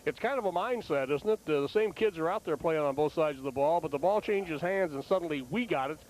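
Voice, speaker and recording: A man working as a play-by-play broadcaster, giving live halftime football commentary in a measured, conversational, pausing way. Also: fairly high pitch, a little mellow, a little hiss or hum, poor audio.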